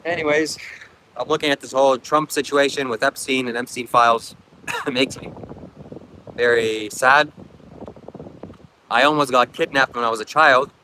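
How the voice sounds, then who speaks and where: Recorded in low quality, this mid-range male voice moves at normal speed with fairly even intonation and frequent pauses, sounding pushed and bright. The Ukrainian-accented host, a non-native English speaker, chats casually on a beach livestream, reads comments, coughs often and rambles reflectively as faint wind blows.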